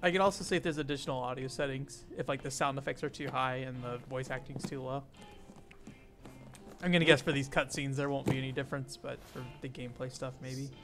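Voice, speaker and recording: A man streaming a game, talking casually with relaxed asides to his viewers. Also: mid-range voice, fairly quick, over music. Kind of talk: casual gameplay commentary.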